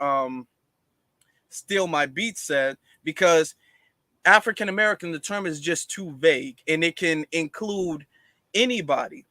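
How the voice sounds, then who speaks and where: A man's voice: fairly high pitch, bright, forceful tone, dry recording. A man hosting a casual livestream, explaining at length to viewers with many fillers and restarts. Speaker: livestream host.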